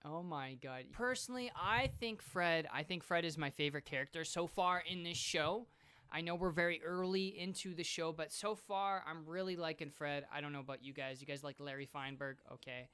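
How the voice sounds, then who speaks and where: A streamer reacting live, rambling and excitable, who swears often. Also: female voice, low voice, normal speed, smooth.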